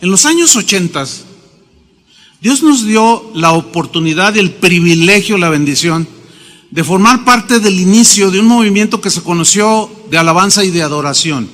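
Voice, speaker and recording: A middle-aged pastor preaching in a large hall, his high, bright voice ringing with a long reverb. He tells stories with emphasis and acts out the quotes in his own voice. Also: lively intonation, normal speed. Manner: emphatic, storytelling with acted quotes. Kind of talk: sermon.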